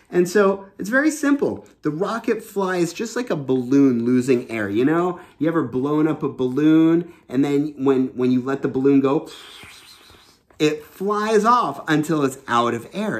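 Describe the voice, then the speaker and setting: In a small indoor room at home, a man in his thirties hosts storytime as a children's teacher, reading a book aloud and explaining it simply and expressively for kids. His voice is fairly high and a little mellow.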